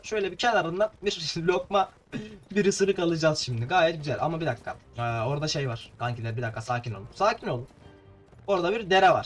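A young man from Turkey talks his viewers through a battle in a playful, chatty way. His voice sits a little high and he trips over his words now and then. Faint game music plays under him. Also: a bit bright. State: slightly tongue-tied. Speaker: gameplay streamer. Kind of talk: casual gameplay commentary.

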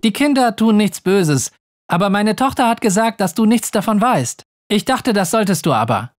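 A narrator voicing the girlfriend's calm, reassuring father in a story. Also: mid-range voice, moderate pace, dry recording, studio quality, voice pushed up, lightly acted.

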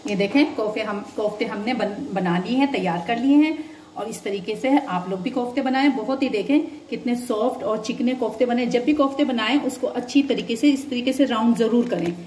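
Her voice is on the high side and fairly quick as she patiently guides viewers through each step of a recipe, adding tips along the way. She's cooking at home, and the echoey kitchen, far-off mic, and loud frying noise are all audible.

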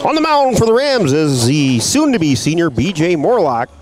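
Lively baseball play-by-play man. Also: on the high side, moderate pace, a crowd in the background. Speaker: play-by-play announcer. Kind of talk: live baseball commentary.

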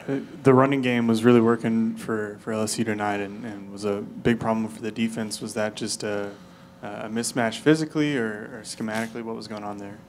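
Male reporter, low voice, off-mic with faint room hum. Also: steady tone, a little fast, hardly any pauses, a little mellow. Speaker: sports reporter.

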